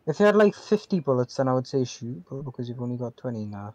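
A man's voice: medium pitch, big pitch swings, quick pace, darkish tone, no room sound. A man chatting while gaming, giving advice and often restarting his sentences. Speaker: player. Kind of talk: casual game chat.

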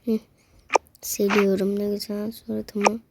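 A woman's voice: mid-range voice, flat delivery, slow pace, heavy background noise. A woman vlogging casually, talking to her viewers as friends and often dropping into whispered asides. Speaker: prank vlogger.

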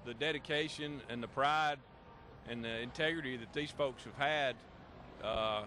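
A man's voice: medium pitch, normal speed, noisy background. A man in his forties speaking earnestly in an interview outdoors at a crowded event, into a handheld mic. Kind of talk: casual interview answers.

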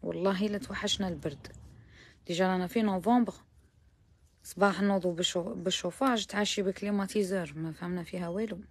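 A woman's voice: on the low side, steady tone, fast, husky. A woman with an Algerian Arabic accent showing abayas to viewers in a chatty shop walkthrough, mixing in French words and sometimes dropping to a near whisper. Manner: chatty, mixes French words, praising each garment. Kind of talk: live shopping try-on walkthrough.

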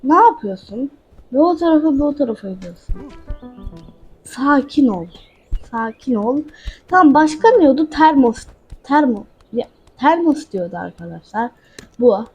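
A woman's voice: high voice, sing-song, normal speed, a little mellow, dull audio. A woman hosting a gaming channel, chatting casually to her viewers as she plays and talking back to a character in the game. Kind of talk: casual let's-play commentary.

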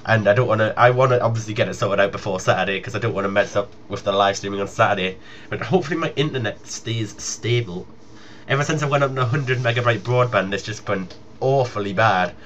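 A young man's fairly low, fairly bright voice comes quickly as he makes a casual, rambling announcement to his viewers as a gaming YouTuber. His manner is informal and meandering, and the home recording is muffled, lo-fi and noisy.

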